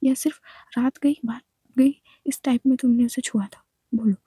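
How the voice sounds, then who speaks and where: A woman's voice: a little high, steady tone, normal speed, dark tone, slightly rough, no echo. A woman playing a firm, probing doctor. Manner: firm, probing, demanding direct answers. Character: firm, probing female doctor, calm authority.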